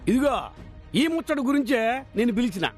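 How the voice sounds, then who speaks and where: An actor playing a hard-of-hearing older father, loud, scolding and comic, over background music. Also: very high voice, animated, a little fast. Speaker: bride's father.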